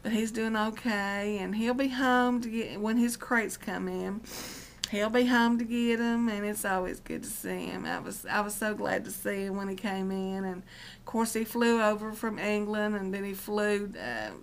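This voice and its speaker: A middle-aged woman speaks with an Appalachian accent at an ordinary pitch for a woman. She rambles casually to her viewers in a folksy, homespun way, wandering from one thought to the next. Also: steady tone, normal speed, slight background noise. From Appalachian West Virginia, United States. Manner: folksy, colloquial, meandering. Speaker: vlogger.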